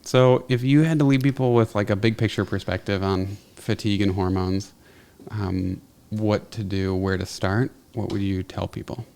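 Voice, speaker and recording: A man's voice: lowish voice, steady tone, normal speed, gravelly, a little mellow. A man hosting a casual podcast chat at home, laid-back, saying "like" a lot and laughing easily. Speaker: podcast host. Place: home room with a dog nearby.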